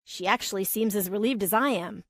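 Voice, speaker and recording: A woman's voice: mid-range voice, a little fast, dry recording, studio quality, close to an everyday voice. A woman reading the part of an earnest, hopeful billionaire father in an audiobook. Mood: excited. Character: eager single-father billionaire man.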